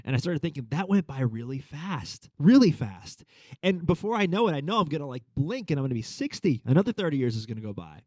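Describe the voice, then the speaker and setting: A man's voice: a little high, very animated, fast talker, darkish tone, no room sound. A man in his thirties giving a conversational sermon as a pastor, telling a story with many fillers. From Long Island. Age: 30s.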